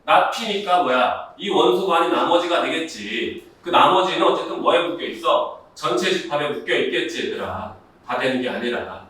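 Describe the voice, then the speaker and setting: A man with a high, bright voice teaches math in a classroom, firing questions at his students and calling out to them again and again. He is recorded from a distance in a very echoey room, with faint noise in the background. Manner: quizzing, repeatedly addressing students. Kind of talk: classroom lecture.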